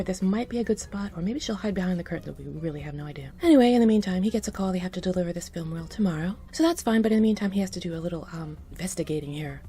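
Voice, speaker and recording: A woman casually narrating a game build, chatty with fillers and soft breathy asides. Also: mid-range voice.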